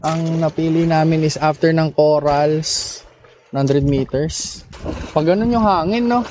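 High-voiced man fishing from a boat. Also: slow pace, slight background noise. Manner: excitable, shouts when a fish bites. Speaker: fishing vlogger. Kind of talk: casual chat while fishing. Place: small outrigger boat at sea.

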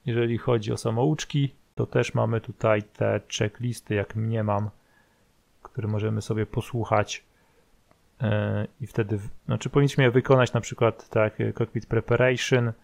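A man giving casual, somewhat halting commentary as he walks through a screen tutorial. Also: fairly low pitch, level tone, creaky, darkish tone. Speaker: flight simulator video host. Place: voice-over recorded over screen capture.

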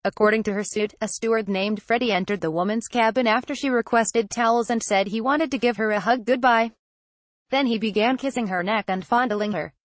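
A woman's voice: fairly high pitch, a little fast, no echo. Woman reading news, dry close sound. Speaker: news narrator. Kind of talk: scripted news narration.

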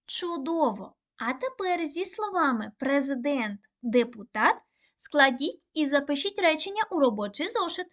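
A woman teaching a recorded online primary-school lesson, dictating words slowly and clearly. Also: high-pitched, very animated, fairly bright tone. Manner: slow, clear, deliberate dictation.

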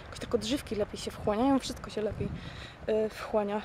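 A woman's voice: steady tone, brisk. A woman in her twenties from Poland chatting casually to her camera in an offhand, slangy, rambling way. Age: 20s. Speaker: vlogger. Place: outdoors on streets and platform, aboard a train. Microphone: camera microphone at arm's length. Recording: noisy handheld camera, traffic and travel rumble.

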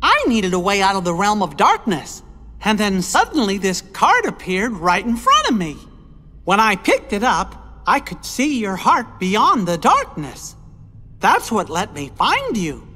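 A man voicing a small, cheerful, loyal mouse king in a video game, in a squeaky falsetto with long reverb. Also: wildly swooping pitch, unhurried, bright, forceful tone, heavily acted. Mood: earnest, reassuring. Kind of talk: animated video game acting.

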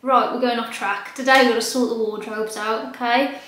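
A woman's voice: a little high, fairly even intonation, moderate pace, fairly bright tone. Very echoey, chatty young British woman. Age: young adult. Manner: informal, chatty. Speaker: vlogger. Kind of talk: casual rambling chat to camera. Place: small empty bedroom with bare walls and wood floor, indoors. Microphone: camera mic at about arm's length or more. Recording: very echoey empty room.

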